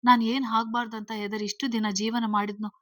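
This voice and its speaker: Wounded mother figure, reproachful, grieving, narrow pitch, dry recording, voiced by a woman. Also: little pitch movement, a little fast, dry recording, lightly acted. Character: hurt, bitter middle-aged mother.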